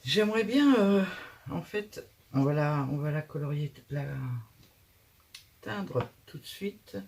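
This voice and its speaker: Slow-talking woman thinking aloud at her craft table. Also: low voice, lively intonation, a little mellow. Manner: chatty, thinks aloud while working, many hesitations. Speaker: craft tutorial host. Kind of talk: casual hands-on craft tutorial.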